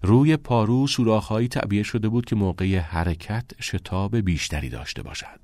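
A man reading a novel aloud as an audiobook narrator in a steady, measured way. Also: lowish voice, no room sound, clean studio sound. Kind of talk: scripted narration.

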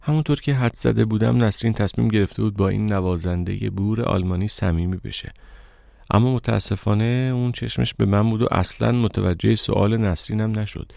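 A man narrating an audiobook story in a steady, even reading voice. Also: lowish voice, creaky, no room sound, clean studio sound. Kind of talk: scripted narration.

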